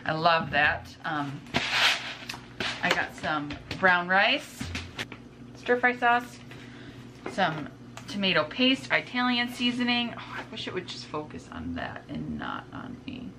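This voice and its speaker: A woman in her twenties, a vlogger and stay-at-home mother, speaks slowly in a lowish voice with big pitch swings. Chatting casually to camera in her home kitchen while showing groceries, she rambles and drifts into asides. The recording is clearly noisy, with room ambience.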